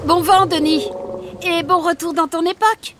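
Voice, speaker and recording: A woman's voice: extremely high pitch, fairly even intonation, normal speed. A woman playing a brash, voracious mother mosasaur in a children's audio adventure, sassy and exclamatory. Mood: teasing, breezy.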